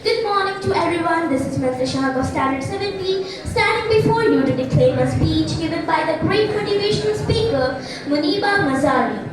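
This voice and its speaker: Very high young female voice, echoey declamation. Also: animated, fairly quick, a crowd in the background. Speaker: student declamation contestant. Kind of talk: formal declamation of famous speeches. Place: large echoey indoor hall, distant microphone. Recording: echoey hall from far off, music behind.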